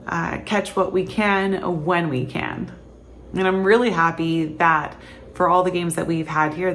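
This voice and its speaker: A woman's voice: sits low, creaky, a little hiss or hum. A woman from Canada in her thirties, chatting casually to camera as a vlogger, tired and laughing often.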